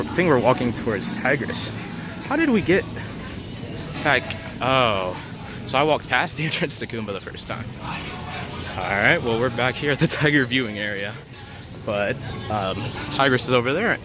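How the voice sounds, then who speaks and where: A man's voice: mid-range voice, expressive, normal speed. A man vlogging casually outdoors at a theme park, rambling and thinking aloud into a handheld camera. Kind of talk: casual vlog chat to camera. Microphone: handheld camera at arm's length. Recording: loud music and outdoor park noise behind.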